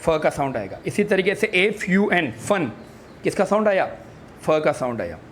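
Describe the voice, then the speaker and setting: In a sing-song, high-pitched voice at normal speed, a man leads a phonics lesson, spelling out words one letter at a time. He talks to his listeners as if they were children and patiently answers his own questions, over a little hiss or hum.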